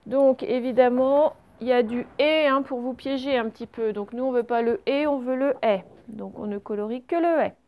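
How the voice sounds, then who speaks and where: A woman teacher going carefully through reading exercises for young pupils, saying each word clearly before explaining it. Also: on the high side, moderate pace, few pauses, highs cut off. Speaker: primary school teacher.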